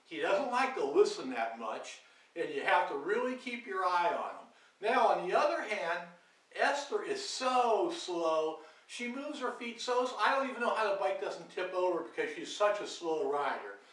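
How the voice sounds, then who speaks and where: Older grandpa storyteller, high bright voice, lively and dramatic, echoey room, off-mic. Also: male voice, normal speed, far from the mic. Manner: animated, dramatic, makes sound effects. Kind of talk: family storytelling.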